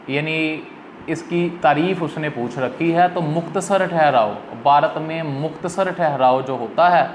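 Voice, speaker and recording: A male teacher who gives a patient, fatherly exam-prep lecture and calls his students "beta". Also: medium pitch. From Pakistan. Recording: echoey room with faint noise.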